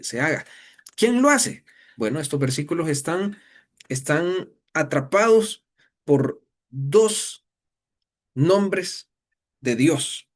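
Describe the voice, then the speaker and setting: A man with a Salvadoran Spanish accent giving an informal Bible teaching over a video call, conversational, with rhetorical questions and frequent fillers and restarts. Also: medium pitch.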